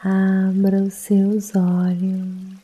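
Hushed, very slow woman, breathy and dark. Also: medium pitch, soft background music. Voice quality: soft, breathy. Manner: hushed, calming night-time delivery, partly whispered. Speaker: meditation guide. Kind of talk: guided sleep meditation.

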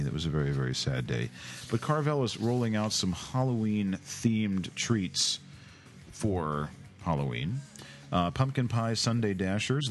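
Man, podcast host, sarcastic comic rant, lowish voice, faint music underneath. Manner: sarcastic, mock-emotional, theatrical.

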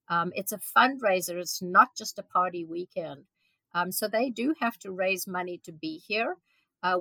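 A South African woman in her seventies, an event organizer appearing as a guest, answers interview questions earnestly with frequent ums and restarts. Her lowish voice sounds bright and forceful, and the rough recording has no room sound.

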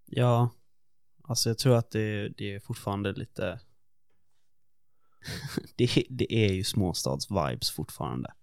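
A man's voice: lowish voice, long pauses, dry recording, clean studio sound. A man playing a character in a role-play game, talking in a laid-back, hesitant way full of fillers. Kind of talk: in-character reminiscing chat.

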